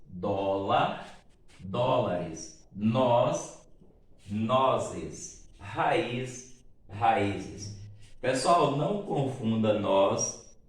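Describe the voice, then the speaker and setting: A male teacher with a Brazilian Portuguese accent, patiently explaining a grammar lesson step by step and often checking in with the listener. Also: mid-range voice. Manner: slow, patient, explains step by step with frequent "né?" and "tá bom?". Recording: echoey room, voice from a distance.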